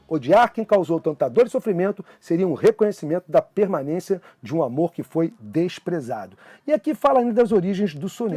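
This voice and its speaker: A man with a Brazilian Portuguese accent giving an online literature lesson, chatty and enthusiastic, reading poems slowly and expressively. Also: high-pitched, warm tone, husky, dry recording. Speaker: literature teacher.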